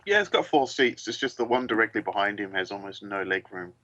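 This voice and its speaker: A man's voice: on the low side, expressive, fairly quick, sharp tone, lo-fi sound. A man playing a tabletop game over voice chat, matter-of-fact as he explains rules. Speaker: player.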